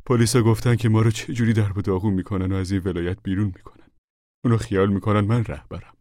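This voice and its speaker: A man voicing an earnest, calm, reflective preacher type who talks things through. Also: fairly low pitch, no echo, clean studio sound, voice pushed up, natural voice. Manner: reassuring, thoughtful, storytelling.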